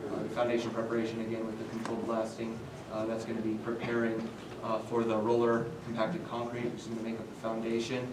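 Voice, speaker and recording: A young man giving a student team presentation, steady with frequent filler sounds, recorded from a distance in a noisy, echoey room. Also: fairly low pitch, fast talker, hardly any pauses.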